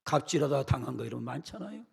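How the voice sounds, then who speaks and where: A middle-aged man, a pastor preaching a sermon, dramatically acting out quotes with shouted outbursts and slow, pleading phrases. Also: medium pitch, very animated, vocal fry, breathy edge. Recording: church sermon with long hall reverb.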